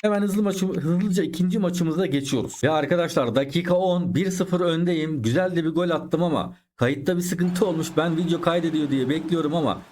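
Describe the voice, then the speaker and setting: A slightly high-pitched man narrates his football video game match as he plays, chatting to his viewers and calling out the action. He reacts loudly to shots and saves. A faint hiss sits under the recording. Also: brisk, few pauses. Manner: chatty, addresses viewers as friends, exclaims at plays. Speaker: gaming YouTuber. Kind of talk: live gameplay commentary.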